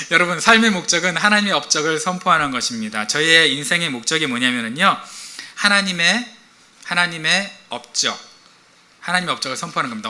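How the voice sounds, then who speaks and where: A middle-aged man preaches in a lively, conversational way, joking with the congregation and asking them questions. His voice is very bright and forceful and sits a little high for a man. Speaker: pastor. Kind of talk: sermon.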